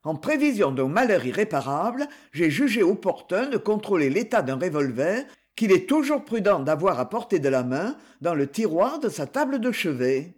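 A man's voice: sits high, very animated, normal speed, few pauses, slightly rough, exaggerated voice. A man reading the part of an injured, bedridden husband who talks in a dry, clipped, coldly reasoning way. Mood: grim.

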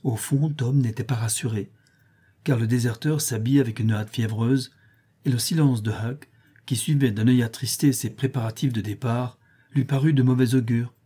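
A man narrating a classic novel as an audiobook in a calm, measured reading. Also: mid-range voice, breathy edge. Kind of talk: scripted narration.

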